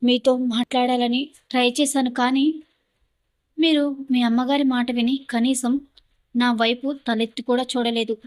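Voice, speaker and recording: A woman's voice: a little high, fairly even intonation, measured pace, no room sound, lightly acted. A woman storyteller voicing a young woman prisoner, a wronged ex-wife who speaks through tears. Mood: sorrowful. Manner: cool then pleading, tearful.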